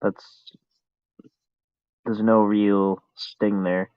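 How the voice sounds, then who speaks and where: A man's voice: fairly low pitch, little pitch movement, very slow, clear, resonant tone, no echo. An American man hosting a voice chat, talking in a laid-back, hesitant way. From United States. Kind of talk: casual chat. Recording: dull lo-fi sound.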